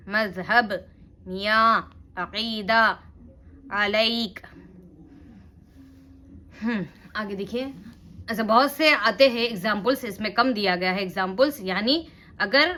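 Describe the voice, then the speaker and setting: Slow bright-voiced woman teaching Urdu reading. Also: fairly high pitch. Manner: slow syllable-by-syllable spelling, explaining patiently. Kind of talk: spelling-out reading lesson.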